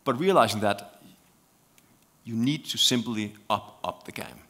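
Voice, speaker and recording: A man's voice: mid-range voice, unhurried, sharp tone. A man with a Danish accent speaking as a guest on a conference panel, talking animatedly with many fillers and repeated words. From Denmark.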